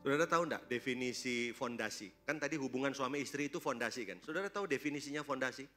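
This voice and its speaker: A man preaching a sermon at a church service, lively and joking, constantly throwing questions at the congregation. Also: mid-range voice, fast, faint music behind. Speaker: pastor.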